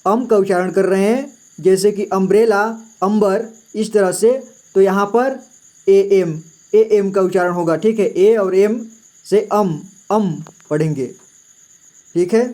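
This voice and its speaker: Slow, patient male teacher. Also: high voice, fairly even intonation, darkish tone. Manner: patient, repeats "theek hai" often. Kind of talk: slow classroom explanation.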